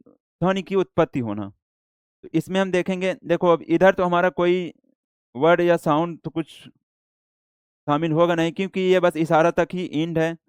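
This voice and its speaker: A man with an Indian accent teaching a shorthand class, explaining slowly and repeating himself, mixing English words into Hindi. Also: high voice, clear, resonant tone, no echo. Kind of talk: classroom lecture.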